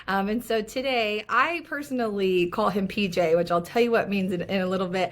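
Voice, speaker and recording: An adult woman, once a children's ministry leader, hosts a faith podcast and chats casually with her guest in an upbeat, teasing way. Her mid-range voice runs a little fast.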